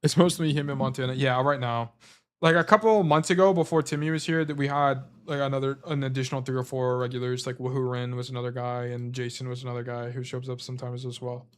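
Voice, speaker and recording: Fast and steady in a mid-range voice, a male game coach reviews gameplay on his stream. He's casual and rambling, heavy on fillers, and clearly losing his voice.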